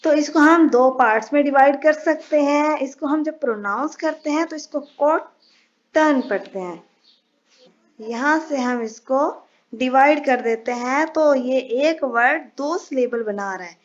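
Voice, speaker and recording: A woman teaching an English lesson, explaining patiently step by step and reading English definitions slowly. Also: high-pitched, highs cut off.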